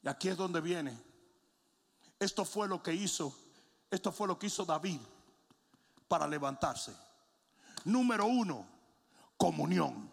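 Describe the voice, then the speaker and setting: A middle-aged man preaching a sermon in a large church, telling funny stories and then shouting as he builds. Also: high voice, animated, unhurried, gravelly, long pauses, breathy edge. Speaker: pastor. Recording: long hall reverb.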